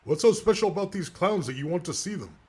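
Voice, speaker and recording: A man playing a brash male announcer of a circus fight who gives announcer-style recaps and quick retorts. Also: high voice, animated, a little mellow, breathy edge. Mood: teasing.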